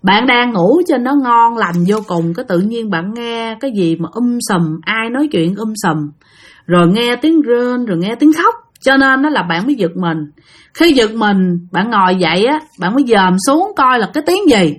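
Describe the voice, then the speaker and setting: A woman's voice: a little high, expressive, normal speed. A woman telling ghost stories in a chatty, vivid way, addressing her listeners directly. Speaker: storyteller. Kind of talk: casual spooky storytelling narration.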